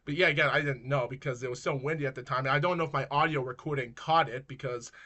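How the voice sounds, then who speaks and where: A man's voice: medium pitch, steady tone, fast, sharp tone. A man telling viewers a personal street story in a rambling, casual vlog style, restarting sentences and often calling them guys. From Maine, United States.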